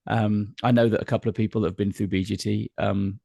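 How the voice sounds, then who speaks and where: A man's voice: on the low side, level tone, quick pace, vocal fry, mellow, no echo, clean studio sound. A middle-aged man, a guest entertainer chatting casually and telling anecdotes in an interview.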